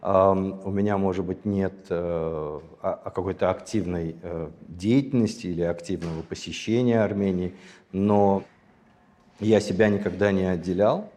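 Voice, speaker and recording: A man in his sixties from Azerbaijan, a guest telling his life story in a measured, thoughtful way and pausing to find his words. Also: sits low, fairly even intonation, mellow. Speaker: interview guest. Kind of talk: reflective personal storytelling. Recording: long hall reverb.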